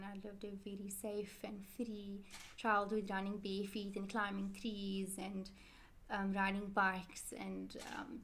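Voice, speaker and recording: A South African woman with a mid-range voice answers interview questions as a guest, speaking in a chatty, rambling way and often correcting herself. She is a Quran teacher, and there is slight background noise.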